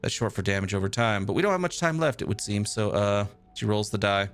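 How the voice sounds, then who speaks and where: Streamer guy reading out the game text, low steady voice, faint music in the back. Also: brisk, smooth.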